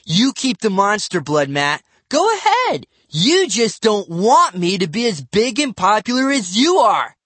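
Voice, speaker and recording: A man reading an audiobook and voicing a whiny, bratty young boy who shouts and complains, with soft music underneath. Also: wildly swooping pitch, slow pace, husky, no room sound, full character voice. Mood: sulky. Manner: shrill, whining, shouting.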